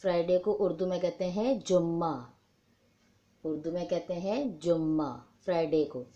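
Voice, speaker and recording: Woman teacher, lowish mellow voice, drawn-out deliberate dictation, spells every letter. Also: steady tone, muffled recording. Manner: repeats and spells out each word letter by letter. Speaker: home tutor teaching children. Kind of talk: slow dictation-style lesson.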